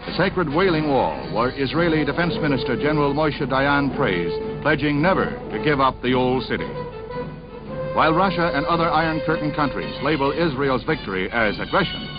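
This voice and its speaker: A man giving scripted narration for an old newsreel, in a brisk and dramatic announcer's delivery. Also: fairly high pitch, lively intonation. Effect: old newsreel recording. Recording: dull lo-fi newsreel sound with music behind.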